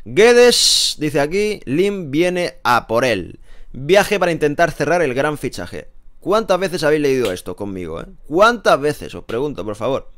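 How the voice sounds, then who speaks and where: Guy reading sports front pages, chatty, keeps tossing in tag questions, clear voice. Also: a little high, big pitch swings, a little slow. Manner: chatty, constant tag questions, sarcastic asides. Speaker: sports press reviewer. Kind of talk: casual newspaper front-page review.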